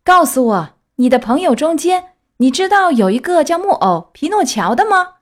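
A woman's voice: high voice, very animated, moderate pace, voice pushed up. A woman voicing a big calling pigeon.

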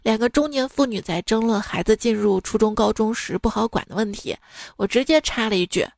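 A woman's voice: a little high, fairly quick, gravelly, a little mellow, no echo, studio quality. Playful woman host reading funny stories. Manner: playful, laughs often, acts out quoted lines. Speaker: radio host reading listener jokes. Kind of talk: lively read-aloud of funny stories with music. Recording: light background music.

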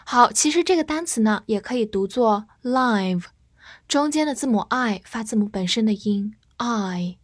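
A woman teaching English vocabulary in a lesson, spelling words letter by letter and slowing down for repetition. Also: a little high, expressive, no echo, studio quality. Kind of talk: vocabulary lesson with spelling and slow read-alongs.

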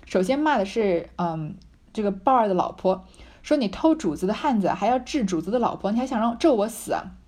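A woman's voice: mid-range voice, animated, fairly quick, darkish tone. A middle-aged woman retelling and explaining a classic novel in a conversational teaching style, with fillers and rhetorical questions. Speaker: literature lecturer.

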